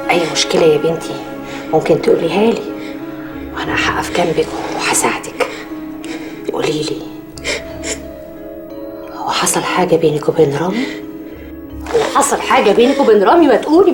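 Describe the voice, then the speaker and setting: An actress playing a middle-aged Egyptian mother who talks in an expressive way, shifting between soft coaxing and tearful outbursts. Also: on the high side. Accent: Egyptian Arabic. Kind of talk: TV drama acting.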